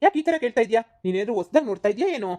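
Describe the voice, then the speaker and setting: A woman voicing a short-tempered middle-aged husband, scolding rapidly in a cartoon comedy. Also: a little high, lively intonation, dark tone. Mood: angry. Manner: scolding, rapid, repeats insults.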